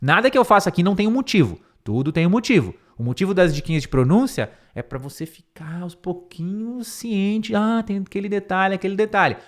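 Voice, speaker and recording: A man from Brazil leads an online English lesson. He slows right down to repeat each English word and phrase with care, then turns to his students and reassures them directly. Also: high voice, very animated. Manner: slow, careful repetition of English words. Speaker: English teacher.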